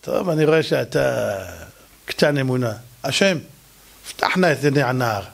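A man voicing a calm, unafraid prophet who speaks slowly and soothingly. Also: mid-range voice, creaky, pitched below the performer's own voice.

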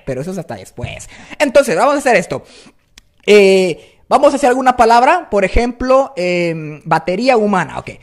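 A woman's voice: mid-range voice, big pitch swings, normal speed. A woman teaching beatbox in a casual, playful spoken tutorial, joking and demonstrating vocal sounds.

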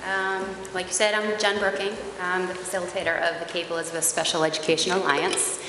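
At a public meeting in a town chamber, a parent group facilitator in her forties reads her prepared statement fairly quickly in a lowish, loud, carrying voice. Her reading is earnest and steady with the odd hesitant filler, picked up by a gooseneck podium microphone amid echo and faint background hiss.

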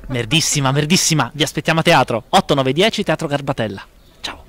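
A man in his thirties, a stage actor giving a casual promotional interview with an animated, smiling delivery. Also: a little high, fast.

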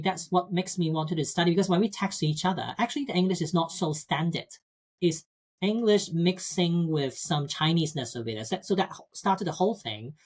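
A man's voice: a little high, breathy edge. A man in his thirties with a Hong Kong Cantonese accent, explaining his research in an online interview. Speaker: researcher guest. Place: indoors at home, on a video call. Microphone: video call microphone.

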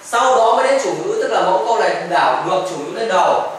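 A man's voice: sits high, animated, quick pace. A male teacher giving a patient classroom grammar lesson, repeating examples and mixing in English phrases. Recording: echoey classroom from far off, faint noise. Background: children chiming in.

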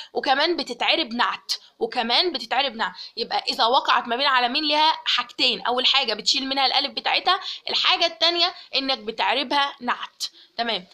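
Quick, bright-voiced Egyptian woman teaching. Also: sits high. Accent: Egyptian Arabic. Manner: explains step by step, asks "okay?" often. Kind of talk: grammar lesson.

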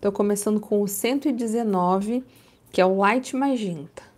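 A woman's voice: mid-range voice, moderate pace, a little mellow. Woman chatting on a coloring live, talks viewers through her pencils. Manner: chatty, explains what she is coloring and with which pencils. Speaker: livestream host coloring a book. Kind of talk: casual livestream chat.

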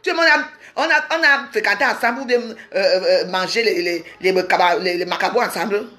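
Scolding and repeating herself, this Cameroonian woman vents her anger in a home live stream. She speaks briskly in a mid-range voice that sounds pushed and bright, with roomy echo around her.

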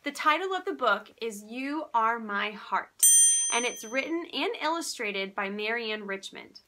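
A faint hiss or hum sits under the voice of a woman in her thirties hosting a children's read-aloud. Fairly high-pitched and a little slow, she presents and reads picture books with playful, exaggerated animation.

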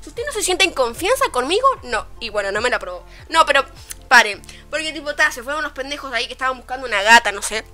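A young woman with a Rioplatense accent, telling a story in a casual vlog, animated and swearing freely, quoting people as she goes. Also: sits high, fast talker, faint music behind. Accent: Rioplatense Spanish. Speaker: vlogger. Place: at home, her bedroom.

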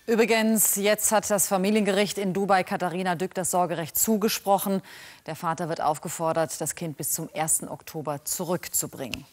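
A middle-aged woman presenting the news from a TV studio, crisp and emphatic. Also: lowish voice, steady tone, brisk. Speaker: news anchor.

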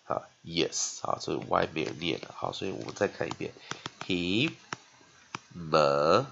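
Low gravelly-voiced male teacher. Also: expressive, fairly bright tone, lo-fi sound, a little hiss or hum. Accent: Taiwanese Mandarin. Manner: drawn-out repeated syllables, frequent "ha" tag. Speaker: English teacher. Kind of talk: spelling and phonics lesson.

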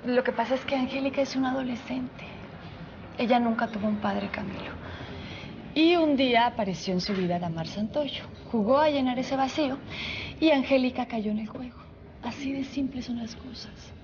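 High-voiced earnest young mother played by an actress. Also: moderate pace, highs cut off, noisy background, lightly acted. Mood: tender, reassuring. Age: young adult. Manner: tender, sincere, reassuring. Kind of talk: soap opera acting.

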